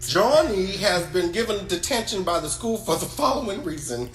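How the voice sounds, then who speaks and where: A woman reading detention slips aloud and reacting with loud, incredulous comedy. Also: medium pitch, moderate pace, echoey room. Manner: loud, incredulous, animated, laughing often. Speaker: reaction video commentator.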